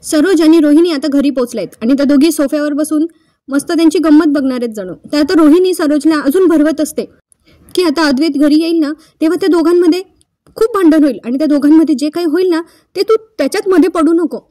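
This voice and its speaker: A woman with a high, mellow voice tells the story of a TV serial episode in a casual, chatty way. She is recorded close and dry. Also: fast talker, dry recording. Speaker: TV serial recap host.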